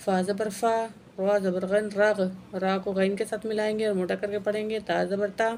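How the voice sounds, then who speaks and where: Flat-voiced woman teaching Quran reading. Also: medium pitch, slight background noise. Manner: slow, drawn-out syllable-by-syllable drilling with brisk explanations. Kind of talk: spelling out Arabic letters and syllables for a beginner reading lesson.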